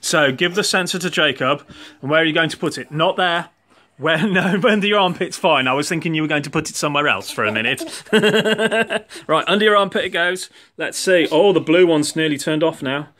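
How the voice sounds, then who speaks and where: Speaking a little fast in a bright, forceful voice on the high side, a man leads a relaxed science demo for kids at home, keeping his explanations upbeat and playful. A phone held behind the camera captures the audio indoors in the living room.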